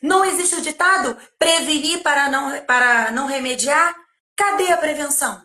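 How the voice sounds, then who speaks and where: Woman, Brazilian accent, child-safety educator, emphatic storytelling, sharp tone, roomy echo. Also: high voice, normal speed. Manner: emphatic, acts out dialogue in quotes. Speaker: child abuse prevention educator. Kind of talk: casual live chat storytelling.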